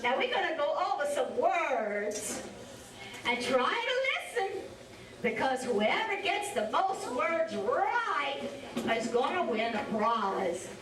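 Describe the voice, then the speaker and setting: A woman's voice: high voice, big pitch swings, slow pace, a crowd in the background. A woman telling stories to children as an educator, theatrical and interactive. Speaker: storyteller and French educator. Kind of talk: animated live storytelling for children. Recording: echoey hall, distant microphone.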